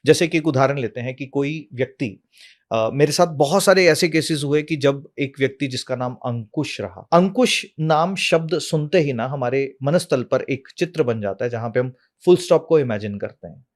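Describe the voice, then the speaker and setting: A man, an astrology expert, explaining at length in an interview, calmly and like a teacher, asking questions and then answering them himself. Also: medium pitch, normal speed. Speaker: astrology and numerology guest expert.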